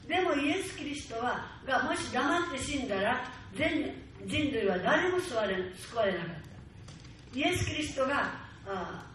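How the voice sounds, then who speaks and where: A woman pastor preaching a sermon with fervent, slow, stressed phrasing that builds in urgency. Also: high voice, a bit bright. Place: church hall. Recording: far-off mic in echoey hall, faint hiss.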